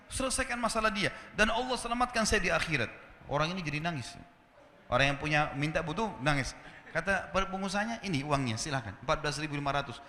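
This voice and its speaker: Guy preaching, telling a story and acting out all the lines, high tense voice, big echoey hall with a long ring. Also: pushed and bright. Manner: vivid storytelling, acting out quoted dialogue; rhetorical questions to the audience. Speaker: Islamic preacher. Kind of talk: sermon storytelling.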